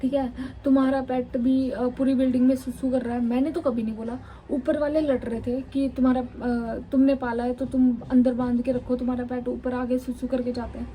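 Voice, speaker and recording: A woman's voice: sits high, level tone, brisk, mellow, slight background noise, low-quality recording. Indignant woman vlogger from Chandigarh. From Chandigarh, India. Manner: indignant, emphatic retelling with many repetitions. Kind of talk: storytime vlog.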